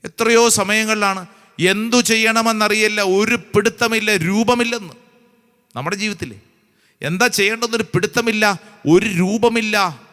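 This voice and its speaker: Fervent priest preaching in a reverberant hall. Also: male voice, sits high, pushed and bright. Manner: fervent, repetitive exhortation with rhetorical questions; reads scripture slowly and deliberately. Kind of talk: charismatic retreat sermon.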